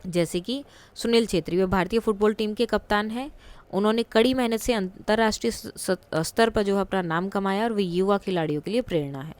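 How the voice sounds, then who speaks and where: A woman's voice: mid-range voice, fairly quick. A woman teaching a school textbook lesson, explaining patiently step by step with examples and questions to the class.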